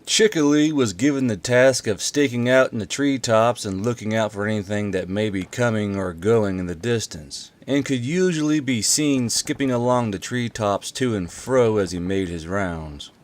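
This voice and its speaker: A man with a lowish voice hosts a channel and narrates a story, speaking at a normal speed with few pauses. He starts with a casual, offhand intro, then shifts into audiobook-style narration.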